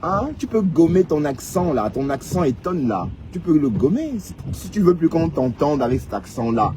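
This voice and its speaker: A man with a fairly high voice talks straight to his online audience in a teasing, sing-song live-stream ramble. He keeps checking in with a mocking "hein?". A loud engine and water rumble sit under his voice throughout. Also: sing-song, normal speed. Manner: teasing, sing-song, addressing viewers directly with many "hein?".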